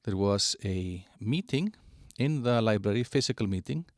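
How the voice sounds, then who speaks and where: Low, dry-sounding man presenting a platform. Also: animated, no echo. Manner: halting, many fillers and restarts. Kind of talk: screen-share product walkthrough.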